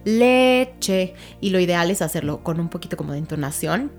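Low-voiced woman therapist explaining patiently. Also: steady tone, fast, soft background music. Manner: patient, explains with examples and checks in with "¿ok?". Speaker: child language therapist. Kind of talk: explanatory interview talk.

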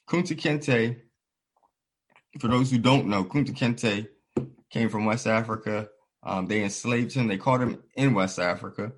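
A man with a lowish, husky voice talks through his views in casual conversation. He sounds earnest and reflective, building his points slowly and slipping into quoted voices as he tells stories. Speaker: podcast host.

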